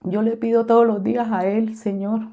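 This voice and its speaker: A woman's voice: a little high, level tone, a little fast, dark tone, highs cut off. A woman giving a fervent religious testimony to a congregation, repeating herself often and calling her listeners brothers.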